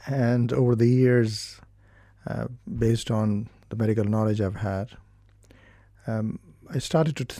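A man from India with an Indian accent, a doctor explaining his therapy in a studio interview in a measured way, pausing to find his words. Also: lowish voice, gravelly, dark tone, dry recording.

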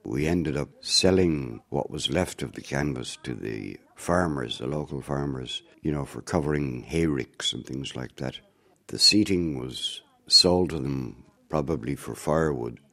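Deep, gravelly older Irish man. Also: fairly bright tone. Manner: unhurried storytelling. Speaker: former circus performer. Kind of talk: reminiscing interview narration.

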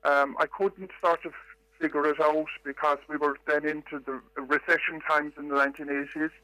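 An older Irish woman phones in to a radio show, her voice disguised by pitch-altering distortion, and tells her story in a measured, reflective way with hesitations. Her voice shows little pitch movement and a sharp tone, with no room sound.

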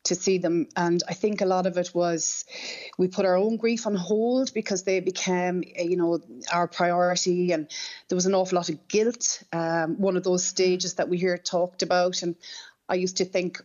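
A woman's voice: on the low side, little pitch movement, moderate pace, darkish tone, lo-fi sound. A woman with an Irish accent giving personal testimony in an interview, reflective and hesitant. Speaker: interview guest.

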